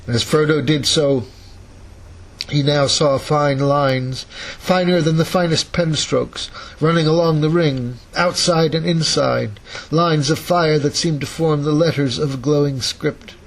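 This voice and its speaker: A man reading a novel aloud in a relaxed, casual manner, with chatty asides and self-corrections. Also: on the high side, unhurried, poor audio. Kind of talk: casual read-aloud narration.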